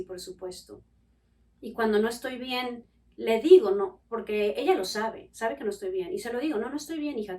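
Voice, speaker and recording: A woman's voice: a little high, distant mic. A woman, a podcast host and family coach telling personal stories to her listeners, acting out the voices she quotes. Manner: expressive, acts out quoted voices.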